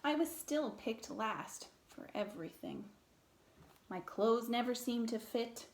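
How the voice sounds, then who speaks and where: A woman reading a children's picture book aloud in an expressive, theatrical way, with dramatic pauses and emphasis. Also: on the high side, roomy sound, noisy background.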